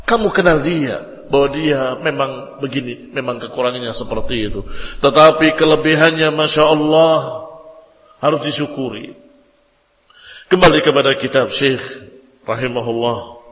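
A man preaching a sermon to married women, lively and emphatic, sometimes chanting Arabic passages in a sung tone. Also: medium pitch, moderate pace, pauses often, muffled recording. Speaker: Islamic preacher. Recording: echoey hall reverb.

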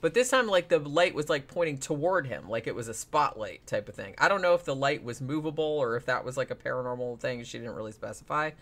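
A man's voice: mid-range voice, expressive, fast talker, few pauses, fairly bright tone. A man casually retelling a paranormal TV episode as a podcast host, rambling with lots of fillers and swearing.

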